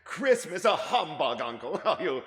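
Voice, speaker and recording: A man voicing a cheerful, warm-hearted young nephew who speaks gaily and earnestly in a storybook reading. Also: high-pitched, huge pitch swings, normal speed, pitched above the performer's own voice, exaggerated voice. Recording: echoey room with long reverb.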